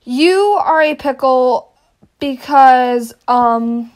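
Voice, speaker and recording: A young woman with a high voice hosts a casual question-and-answer video. She jokes, swears and bursts into dramatic outbursts as she goes. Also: drawn-out words, a little mellow. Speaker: channel host. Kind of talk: casual Q&A chat. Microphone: home microphone.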